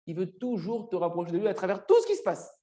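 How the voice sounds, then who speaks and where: Man, high-pitched voice, religious teacher, explanatory lesson, emphatic, didactic, repeats key phrases. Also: sing-song, fast talker, mellow, a little hiss or hum.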